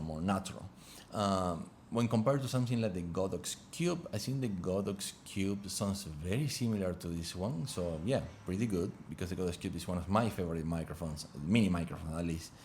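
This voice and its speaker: A man's voice: low voice, a little mellow, a little hiss or hum. A man casually talking through a test of a small wireless microphone at home. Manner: chatty, loose phrasing. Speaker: gear reviewer. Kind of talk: casual product review. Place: home room with open window. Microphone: wireless lav mic under test.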